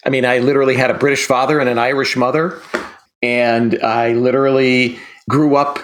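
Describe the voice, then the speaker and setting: A man in his sixties from western Massachusetts, a podcast guest. He talks in a relaxed, chatty way, pausing and restarting now and then, with an ordinary mid-range voice. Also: mid-range voice. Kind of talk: casual interview talk.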